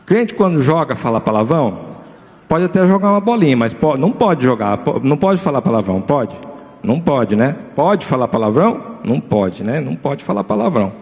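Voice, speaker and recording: A man who is a pastor with a Brazilian Portuguese accent, preaching a lively sermon and putting many questions to his congregation. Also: medium pitch, a little fast, gravelly. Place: church hall. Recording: live church recording with long reverb.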